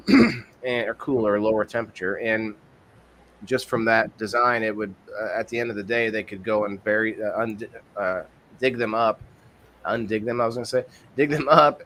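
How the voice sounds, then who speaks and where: A man with a low voice hosts a relaxed livestream podcast. He explains things in a loose, rambling way and keeps correcting himself as he goes. A faint noise sits under his voice. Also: normal speed. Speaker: podcast host. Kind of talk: casual livestream chat.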